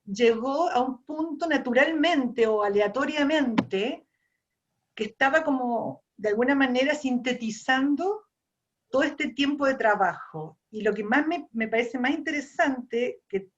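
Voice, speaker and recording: A ceramic artist from Argentina, speaking with an Argentine accent, reflects aloud on the stories behind her pieces, often repeating and restarting her phrases. Her voice is high-pitched and unhurried, and the recording has its highs cut off.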